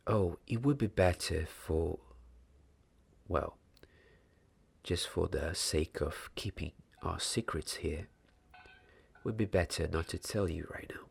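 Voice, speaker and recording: On a small, candlelit indoor set, a young man performs soft ASMR as a gentle wand maker's apprentice. He keeps close to the mic with a half-whispered, measured, halting delivery, his low-pitched voice husky and touched with vocal fry.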